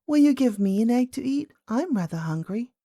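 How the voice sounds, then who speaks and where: Storybook little girl princess, played by a woman: high, swooping pitch, eager, questioning, outspoken. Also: animated, normal speed, mellow, no room sound, clean studio sound. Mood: delighted, eager. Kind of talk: storybook character voice.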